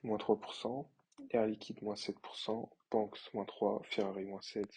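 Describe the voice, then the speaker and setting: A young man giving a casual, hesitant commentary with many pauses and fillers. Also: lowish voice, level tone, vocal fry, dark tone, breathy edge, poor audio. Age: young adult. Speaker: finance vlogger. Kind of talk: casual screen-share commentary.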